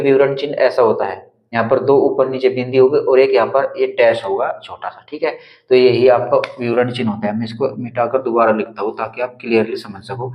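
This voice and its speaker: Man teaching grammar in an echoey room. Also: medium pitch. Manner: explains step by step with repeated examples. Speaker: Hindi teacher. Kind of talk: whiteboard grammar lesson. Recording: echoey room, slightly dull sound.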